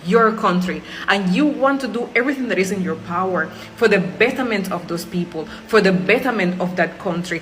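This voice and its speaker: A Cuban woman in her forties, a native Spanish speaker, delivers an earnest, pleading personal monologue in English, repeating phrases for emphasis. Her accent blends Cuban Spanish with Jamaican Patois, and her mid-range voice is pushed and bright. The recording is low-quality, with a little hiss or hum.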